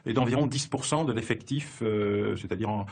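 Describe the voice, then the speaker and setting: A man's voice: on the low side, moderate pace, vocal fry, darkish tone, husky. A man answering in a documentary interview, hesitant with frequent fillers. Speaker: interviewee, expert.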